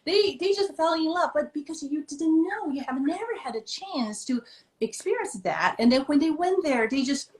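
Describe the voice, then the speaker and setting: Her voice sits high and is expressive and a little mellow as this Taiwanese-born children's author talks at normal speed, a guest in a conversational live video-stream interview. The video-call audio carries an echoey room. She's earnest and reflective, her phrasing slightly non-native and dotted with fillers.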